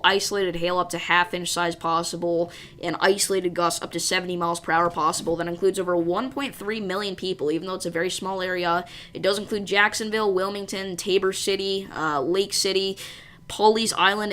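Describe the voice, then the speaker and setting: A woman with a slightly low voice gives live weather commentary. She hosts the stream informally, reading out alerts and thinking aloud. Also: a bit bright. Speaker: storm livestream host.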